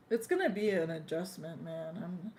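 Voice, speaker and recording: A woman's voice: fairly low pitch, a little mellow. A woman, chatting casually as a live stream co-host. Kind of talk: casual chat. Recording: clearly noisy, with room ambience.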